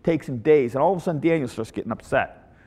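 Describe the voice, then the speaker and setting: A man teaching a Bible study in an informal sermon, retelling a story in an animated way and often repeating his words. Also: medium pitch, quick pace, breathy edge, long reverb tail.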